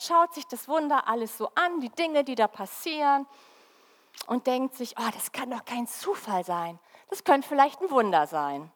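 A woman's voice: on the high side, in a large hall. A woman preaching a Christmas sermon in a church, talking straight to her listeners with questions. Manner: lively, addresses listeners directly with questions.

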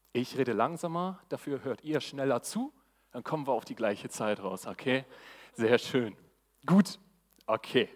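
A man's voice: medium pitch, husky. A man preaching a live sermon to a church audience, eager and exclamatory in his delivery. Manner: enthusiastic, exclamatory. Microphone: handheld mic. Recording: long hall reverb.

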